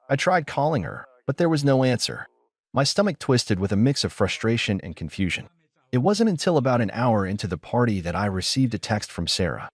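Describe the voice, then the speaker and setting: Guy narrating a reddit-style drama story, lowish voice, lots of swing, dry close sound. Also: dry recording. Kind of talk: scripted first-person story narration.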